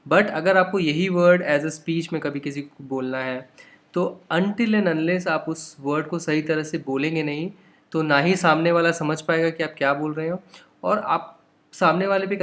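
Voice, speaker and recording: A young man with an Indian accent explains a textbook chapter line by line. He talks patiently, blending English words and phrases into his lesson. His voice sits a little higher than most men's. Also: a bit bright. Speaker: English teacher.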